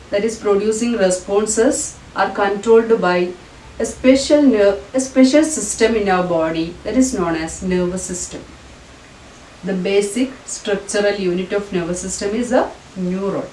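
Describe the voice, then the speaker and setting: A woman's voice: medium pitch, a little mellow. A woman with a Malayalam accent teaching a school biology lesson in a didactic way, rephrasing her points as she explains. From Kerala, India. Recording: roomy, distant mic with faint noise.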